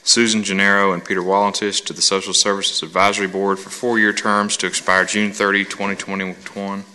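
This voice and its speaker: A man's voice: sits low, level tone, fairly quick, sharp tone, clean tone. A man, a vice mayor, reading formal motions at a city council meeting. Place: council chamber. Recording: long reverb of council chamber.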